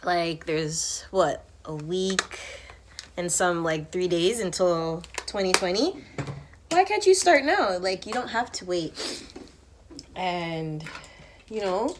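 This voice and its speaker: A young woman vlogger chatting casually to viewers while she does her makeup, animated and candid, slipping into whispered asides. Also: on the low side, slow, noisy background. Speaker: beauty vlogger.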